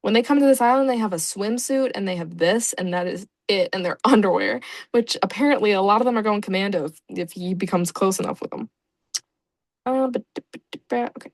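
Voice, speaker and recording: A woman's voice: mid-range voice, brisk, no room sound. A young woman giving casual let's-play commentary, chatty and reacting aloud with laughs and groans. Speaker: gaming YouTuber.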